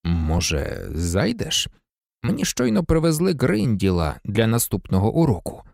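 Guy doing a quiet gentle teacher, low and soft, a bit gravelly. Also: wildly swooping pitch, measured pace, no room sound, clean studio sound, exaggerated voice. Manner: soft-spoken, thoughtful. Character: calm kind male teacher, gentle.

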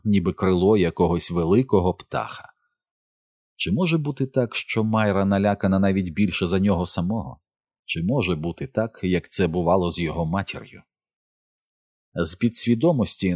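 A man narrating an audiobook in a measured literary reading. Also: low-pitched, a little mellow, no echo, studio quality.

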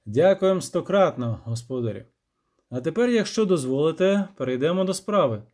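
A man voicing a calm, patient monster hunter. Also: fairly high pitch, close to an everyday voice. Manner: calm, measured and polite.

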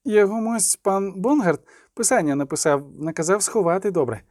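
Man playing a high, fawning young peasant lad, rustic and rambling, audiobook figure. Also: brisk, a little mellow, no echo, clean studio sound, lightly acted. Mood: eager. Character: servile eager young male peasant lad.

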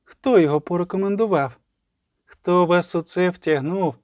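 A man voicing a gentle woman sorceress who coaxes a dying man in a soft, soothing voice in an audiobook. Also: sits high, moderate pace, no echo, clean studio sound, voice pushed up, lightly acted.

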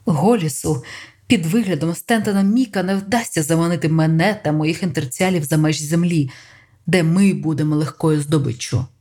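A man's voice: on the high side, moderate pace, darkish tone, close to an everyday voice. An audiobook reader voicing an ambitious young man who is earnest and plans aloud. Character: ambitious young man, hopeful yet doubting.

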